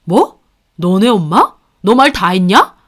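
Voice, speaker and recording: A woman's voice: medium pitch, sing-song, a bit bright, full character voice. A woman voicing an irritable husband who grows defensive and snaps back. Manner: sulky, quick to snap.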